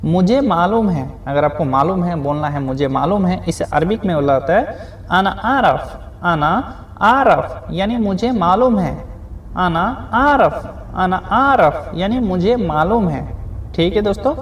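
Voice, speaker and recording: An Arabic teacher gives a beginner lesson on spoken phrases, saying each one, repeating it and breaking it down word by word. He calls his viewers friends and says "okay" a lot. His high voice is animated and a little slow, with slight hiss or hum.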